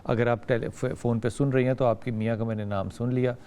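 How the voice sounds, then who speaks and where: A man's voice: mid-range voice, fairly even intonation, fast, mellow, a little hiss or hum. A man hosting a TV talk show, asking short follow-up questions and addressing callers kindly. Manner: friendly, asks short follow-up questions, calls callers "beta". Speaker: TV host.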